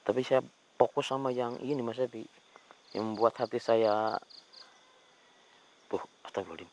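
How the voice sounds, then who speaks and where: A man, hosting a ghost-hunting video outdoors at night, talking in a hushed voice that turns into loud, urgent calls. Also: mid-range voice, steady tone, moderate pace, a little hiss or hum. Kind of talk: hushed on-location paranormal narration.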